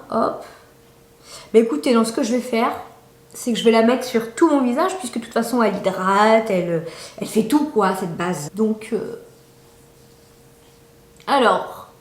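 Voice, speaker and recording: An enthusiastic woman chats through a makeup review, talking right to her viewers in a fairly high voice. Her voice rings a little in an echoey room. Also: animated, measured pace, pauses often. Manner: chatty, enthusiastic, addresses viewers directly. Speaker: beauty vlogger. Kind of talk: casual makeup review vlog.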